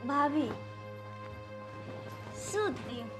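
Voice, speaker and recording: A woman's voice: high-pitched, animated, very slow, a bit bright, soft background music, heavily acted. A young woman playing a pushy sister-in-law who nags and insists. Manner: nagging, insistent. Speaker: husband's sister.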